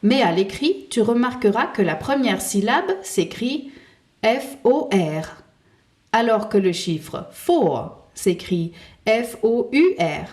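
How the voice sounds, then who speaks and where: Slow, very deliberate woman teaching English. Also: on the high side, lively intonation, darkish tone. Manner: slow and carefully enunciated, modelling words to repeat. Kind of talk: slow, deliberate language lesson.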